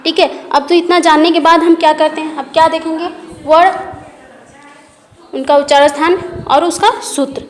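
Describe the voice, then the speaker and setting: A woman's voice: very high-pitched, fairly even intonation, moderate pace, big-room sound. A woman teacher giving a grammar lesson, going through each point patiently and repeating it.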